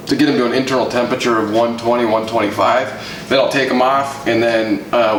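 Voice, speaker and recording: A man hosting a cooking vlog, explaining each step of a grill cook in a relaxed, casual way. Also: medium pitch, distant mic, slight background noise. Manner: relaxed, explains steps as he goes. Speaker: grill cook and channel host. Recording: roomy sound with faint guitar music.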